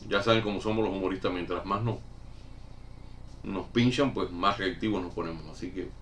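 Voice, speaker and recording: Rambling middle-aged man, low voice, distant mic. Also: a bit bright. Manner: rambling, many filler pauses and restarts. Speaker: channel host answering chat questions. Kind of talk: casual chat. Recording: somewhat distant mic with faint room noise.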